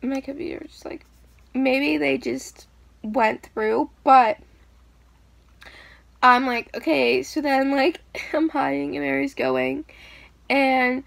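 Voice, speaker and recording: A woman's voice: high voice, slow, vocal fry, pauses often, dry recording. A young woman telling stories casually, rambling with many fillers and acting out what people said. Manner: animated, acting out quoted screams. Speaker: vlogger. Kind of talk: casual storytelling.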